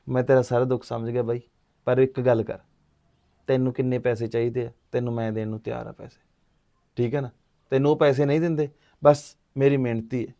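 A man playing a calm, persuasive captive. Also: medium pitch, natural voice. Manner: coaxing, reasoning, frequent hums of agreement. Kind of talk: short film drama acting.

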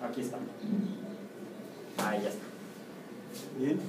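A man's voice: medium pitch, unhurried, very noisy. Man, Mexican Spanish accent, professor, classroom lecture, asks and answers his own questions, distant mic, echoey room. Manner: lively, chatty, asks the class questions and answers them himself. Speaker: university biomathematics professor. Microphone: room or camera mic from a distance.

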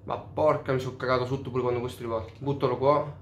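A man's voice: medium pitch, flat delivery, very fast, highs cut off, slight background noise. Swearing, baffled gaming man. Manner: profane, openly baffled. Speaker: gamer. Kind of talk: casual let's play commentary. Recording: roomy echo.

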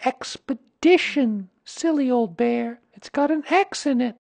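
Confident young boy, high-pitched, creaky, airy, matter-of-fact, storybook. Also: unhurried, a little mellow, no echo, heavily acted. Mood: fond, carefree. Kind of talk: children's storybook character reading.

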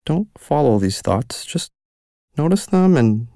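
This guided mindfulness meditation is led by a man whose voice sits a little high. He gives unhurried, calm and gentle directions, leaving long pauses between phrases, in a studio-quality recording with no echo.

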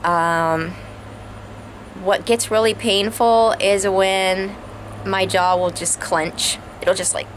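Slow-talking woman with a swollen jaw. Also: mid-range voice, fairly even intonation, slight background noise, poor audio. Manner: talks carefully with a swollen, sore jaw. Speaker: vlogger. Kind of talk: casual chat to camera. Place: outdoors on a house porch. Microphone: camera at arm's length.

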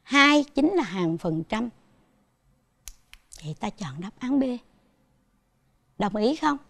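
Southern Vietnamese woman teacher, gravelly, dry. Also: fairly high pitch, big pitch swings, slow, fairly bright tone, no echo. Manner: patient, addresses pupils directly with questions. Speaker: primary school teacher. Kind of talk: televised math lesson.

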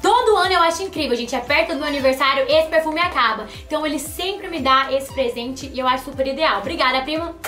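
In an echoey room with music in the background, a chatty young woman opens gifts for her vlog and talks playfully to viewers. She speaks fast in a high, bright, forceful voice, barely stopping to pause.

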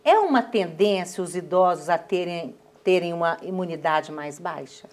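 A woman's voice: lowish voice, expressive, moderate pace. Woman host asking short questions. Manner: brief, prompting questions. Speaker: interviewer, host. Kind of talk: interview questions.

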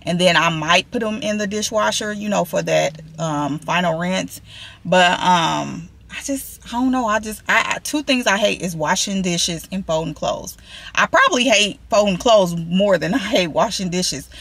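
A woman's voice: fairly low pitch, expressive, normal speed, gravelly, fairly bright tone. A woman, chatting casually to viewers from a parked car, rambling and calling them y'all. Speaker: vlogger. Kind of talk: casual vlog chat. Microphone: camera on dashboard.

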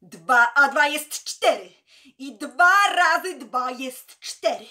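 A woman reading aloud voices a stubborn male constructor who shouts back in defiance. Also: high-pitched, takes it slowly, voice pushed up, full character voice. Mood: furious.

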